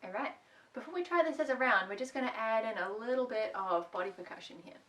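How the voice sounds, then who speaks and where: A woman's voice: fairly high pitch, expressive, fast, fairly bright tone. A woman music teacher leading a children's music lesson at home, playful, singing song lines between her spoken instructions. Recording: voice a little distant from the mic.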